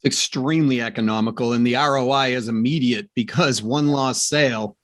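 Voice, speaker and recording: A man's voice: medium pitch, brisk, a bit bright, no echo, clean studio sound. A middle-aged man hosting a podcast interview, telling stories in a chatty way with lots of asides and restarts. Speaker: podcast host. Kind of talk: casual interview chat.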